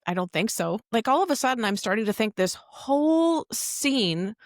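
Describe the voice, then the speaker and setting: A woman's voice: fairly high pitch, very animated, moderate pace, no room sound, clean studio sound. A woman co-hosting a podcast, chatting casually and explaining what she looked up in detail. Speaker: podcast co-host. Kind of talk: casual recap chat.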